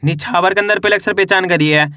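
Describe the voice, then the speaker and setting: A man with a high, bright voice walks through a reading lesson, stretching each syllable and asking and answering every word himself. The recording is dry and close, with no room sound. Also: clean tone, no echo. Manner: slow, drawn-out syllables, repeats each word as a question and answer. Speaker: Hindi reading teacher. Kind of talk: step-by-step spelling lesson.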